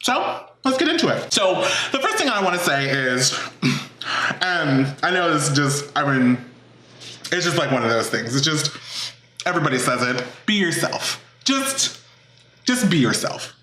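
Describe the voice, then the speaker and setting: A chatty, encouraging man talks through a casual mukbang vlog, filling his sentences with "um" and "like." His voice sits a little high for a man. The sound rings around an echoey kitchen. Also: big pitch swings, normal speed, pushed and bright. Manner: chatty and encouraging, many "um" and "like" fillers. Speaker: cooking channel host. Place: home kitchen. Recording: echoey room.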